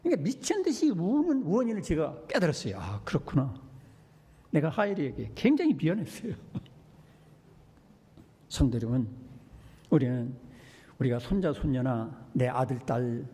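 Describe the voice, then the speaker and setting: An older man, preaching a sermon as a pastor, swinging between hushed and emphatic storytelling. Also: on the high side, very animated, moderate pace, long pauses, long reverb tail. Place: church.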